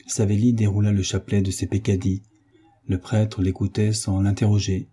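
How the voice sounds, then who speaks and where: Dark-voiced man narrating a novel. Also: on the low side, level tone, moderate pace, slightly rough. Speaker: audiobook narrator.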